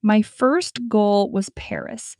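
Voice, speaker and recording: Woman as a young storybook dreamer, slow and clear, slightly gravelly, dry close sound. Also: mid-range voice, very animated, mellow, no room sound. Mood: calm. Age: 20s. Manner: slow, clear, each sentence said twice. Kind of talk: scripted story for repeat-after practice.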